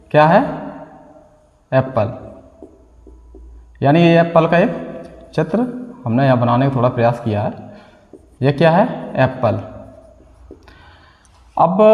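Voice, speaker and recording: A fairly high-voiced man teaches an exam-prep lesson, firing off quick questions and answering them himself in a lower, quieter word. The room rings with a long, echoey reverb. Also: expressive, dull audio. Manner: asks questions and answers them himself, repeats key terms.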